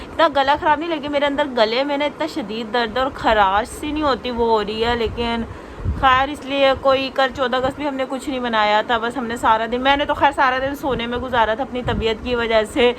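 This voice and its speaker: A young woman talks in a chatty, confiding way for her vlog, voice a little high. Her throat is sore after a flu. A faint hum of noise sits behind her. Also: a bit bright. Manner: chatty, confiding, drawn-out complaints. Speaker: vlogger. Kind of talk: casual home vlog chat.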